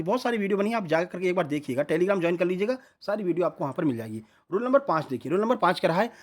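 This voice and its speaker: A man, teaching an online exam prep lesson, spelling words out letter by letter and checking in with his listeners often. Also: high-pitched.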